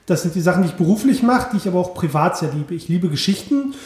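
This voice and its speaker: A man's voice: high voice, expressive, a little mellow. A man, a journalist co-hosting a podcast, introducing himself casually with many fillers. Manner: unhurried, filler-heavy. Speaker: podcast co-host, journalist and copywriter. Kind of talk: casual conversational interview. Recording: very echoey room.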